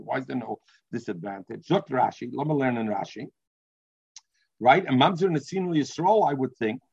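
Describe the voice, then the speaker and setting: Yiddish-accented man teaching Talmud, slightly husky. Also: on the high side, no room sound, dull audio. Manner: repetitive, asks and answers own questions. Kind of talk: informal Talmud lesson, reading and explaining.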